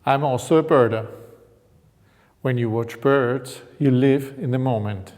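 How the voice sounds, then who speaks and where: A man, calmly narrating his life as a painter in English. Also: medium pitch, a little slow, in a large hall, soft background music. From Austria. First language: German. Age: 50s. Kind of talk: reflective personal narration.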